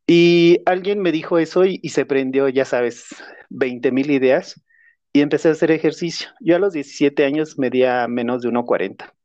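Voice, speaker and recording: A man's voice: a little high, normal speed, a little mellow, no echo, dull audio. A man, a podcast co-host and therapist, telling personal stories in a reflective, self-deprecating way. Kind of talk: casual personal storytelling.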